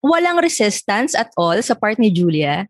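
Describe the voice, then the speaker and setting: A woman hosting a casual interview, curious and quick to react, mixing in English. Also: medium pitch, sing-song. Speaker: host.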